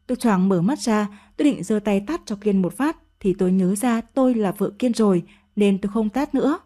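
Warm-voiced woman narrating a story. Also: mid-range voice, brisk. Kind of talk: first-person scripted story narration.

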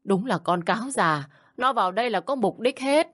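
A woman's voice: fairly low pitch, animated, normal speed, no room sound, clean studio sound, natural voice. A woman voicing a bossy, contemptuous older mother-in-law who scolds and sneers. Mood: ranting.

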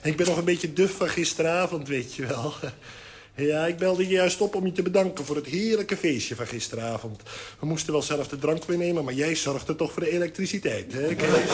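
Male actor: hungover comic caller, forgetful and chuckling, a touch high-pitched, on an old crackly record. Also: lively intonation, moderate pace, close to an everyday voice. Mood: groggy. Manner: groggy, chuckling, sheepish on the phone. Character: groggy hungover man, sheepish and forgetful. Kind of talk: comic phone monologue.

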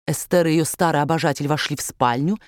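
Measured woman audiobook narrator. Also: low-pitched, no room sound, studio quality. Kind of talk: scripted literary narration.

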